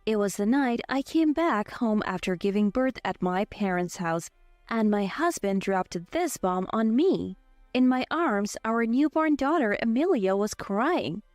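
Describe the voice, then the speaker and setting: A woman in her twenties narrating a scripted first-person story with an even, steady delivery. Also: a little high, unhurried, no room sound, soft background music. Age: 20s.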